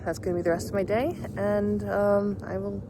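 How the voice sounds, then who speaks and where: A woman's voice: mid-range voice, little pitch movement, normal speed, mellow, a little hiss or hum. A young adult woman talking casually to camera in a vlog, chatty and reflective, with many fillers. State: hiccups. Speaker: vlogger.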